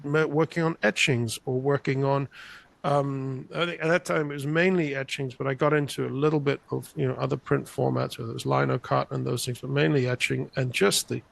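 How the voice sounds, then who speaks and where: An older man from England who grew up in Spain, telling animated, rambling stories as an interview guest over a video call. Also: mid-range voice, a little fast, creaky. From England, raised in Spain. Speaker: guest artist. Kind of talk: conversational interview storytelling. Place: home room, indoors. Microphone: large podcast mic on a video call, headphones.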